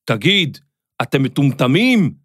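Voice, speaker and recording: A man voicing a grumpy, angry middle-aged neighbor who scolds and shouts, in a children's audio story. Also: on the high side, lively intonation, no echo, clean studio sound.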